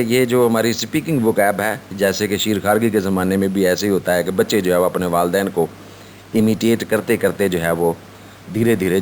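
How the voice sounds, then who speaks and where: A man with a Pakistani accent giving a recorded college lecture to students. He speaks in a slow, halting way with many fillers, switching between Urdu and English. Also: deep voice, slight background noise. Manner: reads English definitions slowly, then explains them.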